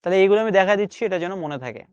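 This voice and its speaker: A man's voice: high-pitched, expressive, racing, dry recording, lo-fi sound. Chatty male Bangla teacher drilling spellings. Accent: Bangladeshi Bengali. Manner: coaxing, repeats words for drill, chatty colloquial asides. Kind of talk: live online spelling lesson.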